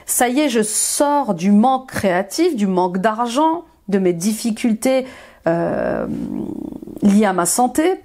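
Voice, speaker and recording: A woman's voice: medium pitch, dark tone. A woman life coach reading tarot cards for her viewers, encouraging and repeating affirmations, with frequent fillers and bursts of enthusiasm. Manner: enthusiastic, exclaims often.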